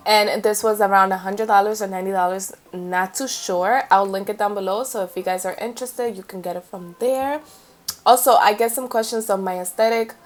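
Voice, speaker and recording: A woman's voice: medium pitch, steady tone, brisk. A young woman chatting casually and informally as she vlogs about home decor. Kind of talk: casual vlog chat. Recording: background music.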